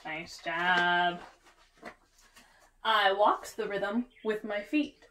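A woman's voice: medium pitch, very slow, sharp tone, slight background noise. A woman reading a children's picture book aloud as a teacher, chanting the rhythm words in a sing-song way and inviting the kids to join in.

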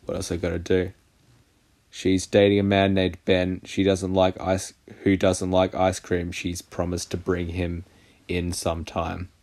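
A man's voice: deep voice, monotone, measured pace, a little mellow. A man doing casual gameplay commentary, sarcastic and crude, mocking the game. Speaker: gaming channel host. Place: voice-over of a mobile game.

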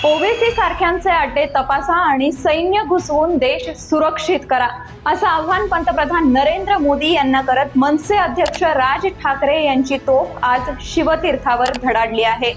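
A woman's voice: high voice, normal speed, faint music behind, poor audio. A woman presenting scripted news narration in an emphatic headline style.

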